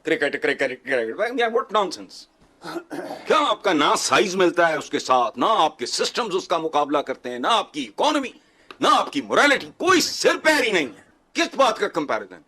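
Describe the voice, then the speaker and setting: A man's voice: high voice, very animated, normal speed, pushed and bright, slightly rough. A man, scornfully making his case on a TV panel and repeating words for effect. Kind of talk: heated TV panel commentary.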